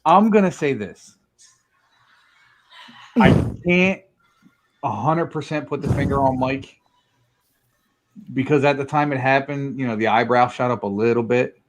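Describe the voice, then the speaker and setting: A man's voice: medium pitch, measured pace, pauses often. A man hosting a casual online chat, teasing his friends in a joking, boastful way. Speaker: podcast host.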